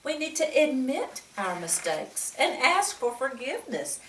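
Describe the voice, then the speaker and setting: This woman has a high, very animated, fairly bright voice and reads a picture book to young children unhurriedly, with exclamations and frequent questions to the listener. Slight background noise, an echoey room, and a distant microphone mark the recording.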